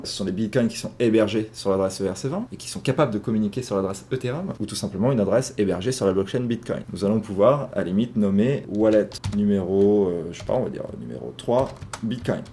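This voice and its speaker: A man's voice: fairly low pitch, dark tone, a little hiss or hum. A man walking viewers through a screen-recorded tutorial, explaining step by step with frequent fillers, recorded indoors at a computer. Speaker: tutorial host.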